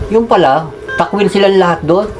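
A man recounting his prison and gang days in quick casual storytelling, sinking low and quiet when he reflects. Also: over music, low-quality recording. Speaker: interviewee, former gang member.

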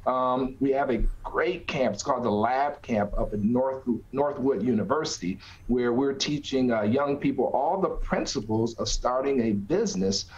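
A middle-aged man who directs a nonprofit answers interview questions conversationally on a video call from a small indoor office. His voice sits in the mid range, moving at a normal speed with few pauses. The video-call audio sounds slightly dull.

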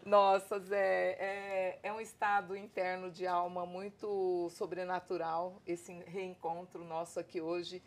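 A woman's voice: on the low side, little pitch movement, slow, hardly any pauses. A Brazilian woman guest on a podcast, speaking earnestly and gratefully in spiritual terms. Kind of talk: heartfelt podcast testimony.

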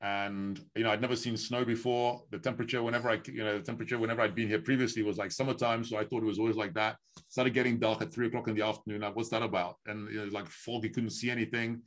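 A man's voice: lowish voice, level tone, fast talker. A man in his fifties from Ghana, hosting a video call interview from home in a friendly, chatty, upbeat way, often repeating phrases. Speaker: host. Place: home room with wooden beams. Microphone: video call webcam.

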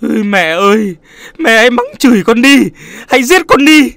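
A man's voice: extremely high pitch, lively intonation, fairly quick, sharp tone, dry recording, voice pushed up, exaggerated voice. Man narrator voicing a young man wailing in raw grief for a storybook. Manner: crying out in despair.

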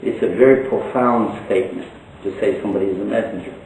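An older Texan man, an Islamic preacher, delivers a folksy religious lecture with joking asides in a large indoor hall. His voice is on the low side, quick, gravelly and a little mellow, with slight background noise. It's recorded from a distance, so the hall sounds echoey.

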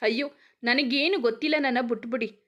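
A woman's voice: a little high, a little fast, a bit bright, lightly acted. A woman voicing a naive young village woman making a pleading, tearful confession. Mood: confessing.

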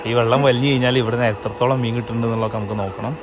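Fast-talking Kerala man outdoors. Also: medium pitch, steady tone, background noise. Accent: Malayalam, Kerala. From Kerala, India. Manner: chatty, explaining to viewers, tag questions. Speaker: fishing vlogger. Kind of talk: casual outdoor commentary. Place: outdoors in paddy fields and a yard. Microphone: phone camera held by the speaker.

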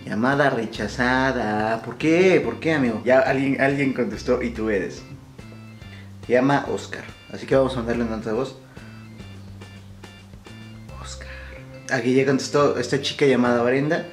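A young Mexican-accented YouTube prankster talks to his viewers at a moderate pace in a mid-range voice, pausing often. His tone is casual and playful, full of slang and repetition. The small indoor room lined with shelves adds echo, and light music plays in the background.

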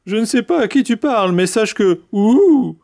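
A man reading aloud and putting on a short-sighted owl for a children's storybook. The bird hoots between his words, with a raised, ringing pitch and a fussy, flustered manner. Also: lively intonation, normal speed, creaky, darkish tone, no room sound, studio quality.

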